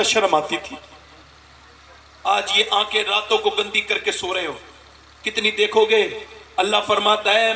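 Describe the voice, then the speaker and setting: A man preaching an impassioned religious sermon with an Indian Urdu accent, swinging between loud, emotional cries and low, murmured passages. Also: slight background noise. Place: large gathering at a religious event. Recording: echoey hall heard from a distance.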